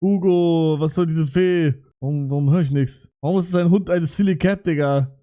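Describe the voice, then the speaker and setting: A young man streaming live, reacting to messages in loud, excitable, slang-heavy chatter. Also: a little high, normal speed. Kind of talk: casual livestream reaction.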